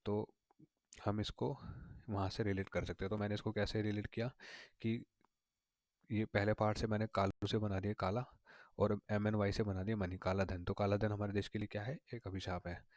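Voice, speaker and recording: A male vocabulary teacher explains memory tricks step by step, repeating himself and checking in with his students. His voice sits low and stays fairly level, and it is recorded close up in a dry room with no echo. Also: level tone, moderate pace, a little mellow. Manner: patient, repetitive, often checks in with "theek hai na".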